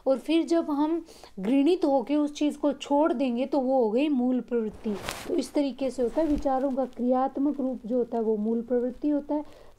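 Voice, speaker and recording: A woman's voice: high voice, dark tone. A woman teacher giving an exam-prep lesson, restating each point in simpler words and checking in often.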